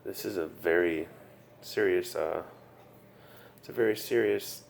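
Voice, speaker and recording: Man, post-surgery patient doing a casual video diary. Weary, earnest, very slow delivery with fry, faint background noise. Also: low voice. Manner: earnest, halting, repeats himself. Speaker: patient sharing his recovery story. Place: hospital room. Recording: noticeable background room noise.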